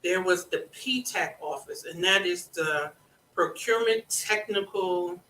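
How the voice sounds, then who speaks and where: A government contracting consultant hosting a live educational monologue, speaking deliberately and repeating key points, with a scratchy throat that keeps needing a clear. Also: mid-range voice, sharp tone, recorded from a distance. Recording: roomy echo, speaking away from the mic.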